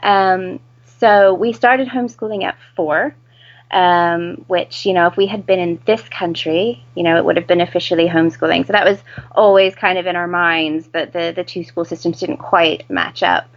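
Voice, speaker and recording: An American woman with a fairly low voice and a lot of vocal fry. She talks casually as an interview guest, on a slightly muffled recording. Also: steady tone, normal speed. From United States. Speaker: interview guest, home-educating mother.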